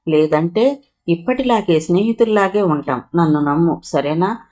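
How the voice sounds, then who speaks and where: A woman reading a novel aloud, voicing an earnest young man who pleads calmly and tenderly in a low, steady tone. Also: moderate pace, lightly acted. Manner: calm, low-voiced pleading.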